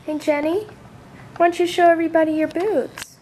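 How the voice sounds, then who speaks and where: A woman's voice: extremely high pitch, a little fast, warm tone. A woman chatting casually for a vlog, caught on noisy handheld camera audio.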